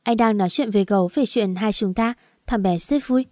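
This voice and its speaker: A woman's voice: medium pitch, brisk, darkish tone, no echo, studio quality, close to an everyday voice. A woman voicing an elegant, reserved young man of few words. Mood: tender.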